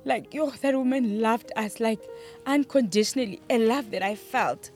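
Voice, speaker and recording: A young woman, a podcast guest, speaking earnestly and emphatically about grief, with soft music underneath. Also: a little high, normal speed. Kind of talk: emotional interview.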